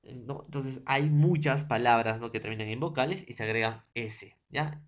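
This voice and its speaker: A man's voice: medium pitch, moderate pace. A man with a Peruvian accent teaching a grammar lesson to secondary students, listing word pairs and checking in with the class often. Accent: Peruvian Spanish. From Peru. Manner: lists word pairs one by one.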